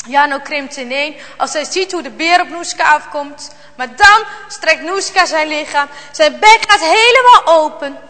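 A woman reads a children's Bible story in a very high, bright voice. She tells it slowly and dramatically, with hushed tension. Long reverb trails behind her words.

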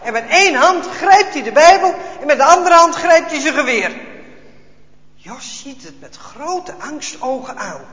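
A man telling a children's Bible story in an expressive, dramatic way, with small hesitations. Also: very high voice, a little slow. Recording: echoey hall, dull lo-fi sound.

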